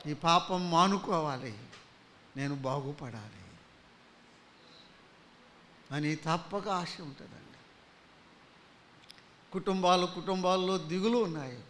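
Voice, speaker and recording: A man preaching a gospel sermon, impassioned, swinging from loud pleas to hushed storytelling. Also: high voice, a little slow, pauses often, slight background noise.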